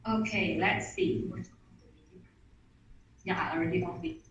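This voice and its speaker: This native Mandarin speaker delivers an online webinar presentation from an echoey room, recorded at a distance on lo-fi audio. Her mid-range voice is a bit bright, with big pitch swings and a measured pace, and she eagerly repeats words and restarts phrases.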